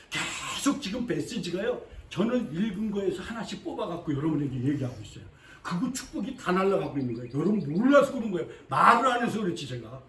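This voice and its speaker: A male pastor delivers a sermon in a high, animated voice that jumps between loud and quiet. He hammers his points home again and again. The sound is roomy and echoing, picked up from some way off in the church. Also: a little hiss or hum. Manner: emphatic, repetitive, swings from loud to quiet. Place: church sanctuary. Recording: echoey church from a distance.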